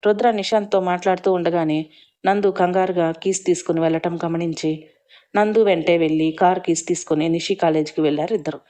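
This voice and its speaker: A woman narrating a serialized family story in a steady, emotive reading. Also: fairly low pitch.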